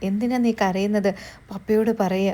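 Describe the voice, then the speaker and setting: A woman's voice: medium pitch, steady tone, moderate pace, mellow, natural voice. A woman reading a concerned, caring father. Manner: concerned, coaxing questions. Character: caring foster father, soothing.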